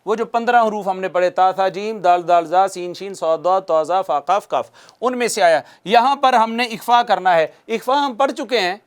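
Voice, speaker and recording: A man's voice: high-pitched, smooth. A man teaching Quran recitation rules in a recorded lesson, asking questions and answering them himself, repeating key points and demonstrating nasal sounds aloud.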